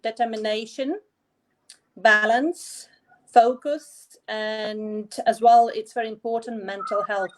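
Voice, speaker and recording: A woman from Latvia, a guest on an online talk, speaking in a hesitant, halting way. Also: a little high, fairly even intonation, rough recording. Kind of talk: online event chat.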